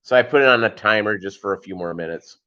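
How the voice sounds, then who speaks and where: Speaking at a quick pace, the man leans low in pitch yet sounds pushed and bright, with a smooth quality and muffled audio. He hosts a laid-back live chat on his fishkeeping channel, rambling as he reads out comments and replies to them.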